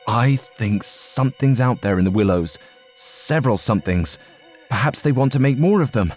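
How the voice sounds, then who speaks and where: A man's voice: medium pitch, expressive, normal speed, darkish tone, soft background music, close to an everyday voice. A man voicing a frightened stammering young man. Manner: urgent and stammering. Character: frightened young man pleading with his friend.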